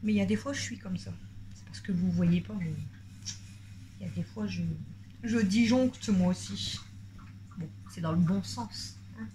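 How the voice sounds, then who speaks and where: A woman's voice: mid-range voice, normal speed, pauses often, a little hiss or hum. Chatty, rambling woman vlogging. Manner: rambling and talkative, jumps between topics; excitable, voice jumps up when worked up. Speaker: family vlogger. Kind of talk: casual chatty vlog to subscribers.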